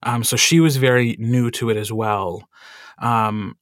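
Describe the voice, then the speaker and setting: A man who narrates audiobooks, chatting in a podcast interview with lots of fillers and animated asides. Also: mid-range voice, measured pace, no echo, studio quality.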